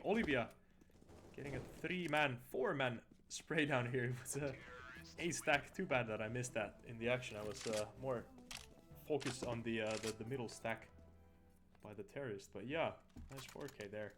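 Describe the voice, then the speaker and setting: A man giving casual, somewhat halting esports commentary over a video game match. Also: medium pitch, fairly bright tone, soft background music. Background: in-game audio bleeding through.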